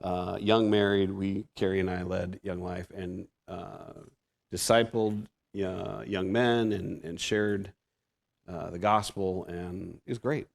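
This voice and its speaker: Preaching as a guest in a church sanctuary, this fifties-aged man speaks with a Pacific Northwest American accent in a low, creaky voice. His tone stays level and his delivery is slow. The sermon is conversational and self-deprecating, with frequent restarted sentences.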